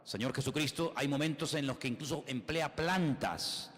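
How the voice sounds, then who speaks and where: A man's voice: medium pitch, moderate pace, fairly bright tone, long reverb tail. A man with a Spain Spanish accent preaching a sermon as a pastor, emphatic, full of rhetorical questions and repeated phrases.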